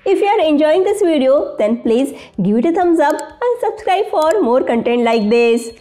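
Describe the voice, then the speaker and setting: High-voiced, enthusiastic woman tutorial host. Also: sing-song, normal speed, mellow, soft background music. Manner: enthusiastic, easily amazed. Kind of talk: screen-recording tutorial narration.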